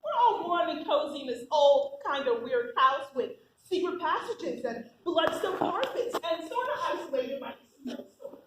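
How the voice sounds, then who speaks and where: A woman playing a jittery, dramatic young woman with a very high, bright, swooping voice, prone to shouting. She is distant in a very echoey auditorium. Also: moderate pace, few pauses, background noise. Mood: chatty. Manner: breathless, excitable. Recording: very echoey stage from far off.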